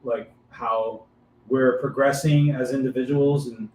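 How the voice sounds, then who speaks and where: A man's voice: mid-range voice, steady tone, measured pace, darkish tone, distant mic. A man co-hosting a casual podcast, talking in a loose, rambling and jokey way. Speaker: podcast co-host. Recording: echoey room with faint noise.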